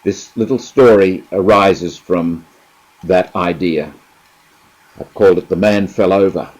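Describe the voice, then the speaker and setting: A middle-aged man, giving a reflective spiritual talk and reading a story, slow and measured, pausing between phrases. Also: deep voice, darkish tone, rough recording. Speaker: spirituality teacher.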